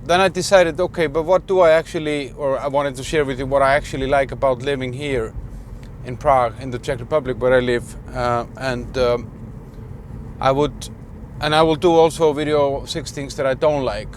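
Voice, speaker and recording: A man's voice: medium pitch, fairly even intonation, normal speed, a little hiss or hum. A man from Iceland talking casually in a vlog, rambling with many fillers and restarts, sitting in a car. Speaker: vlogger.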